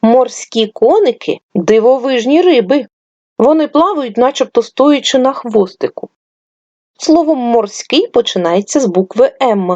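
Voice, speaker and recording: A woman teacher giving a reading lesson to young children, slowly sounding out words sound by sound. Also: fairly high pitch, expressive, darkish tone, no room sound, highs cut off. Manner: slow, drawn-out sound-by-sound enunciation. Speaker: primary school teacher.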